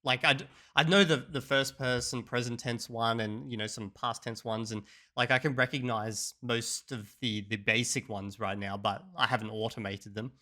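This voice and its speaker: A man's voice: medium pitch, steady tone, normal speed, hardly any pauses, sharp tone. An Australian man hosting a vlog, reacting casually to a critique of his speech with self-mocking slang.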